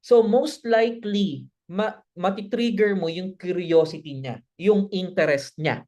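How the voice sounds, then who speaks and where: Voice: a little slow, darkish tone. A business mentor giving a recorded sales-training lesson, coaching viewers casually, mixing in English phrases and correcting slips as they go. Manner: coaching, talks straight to viewers, acts out sample pitches.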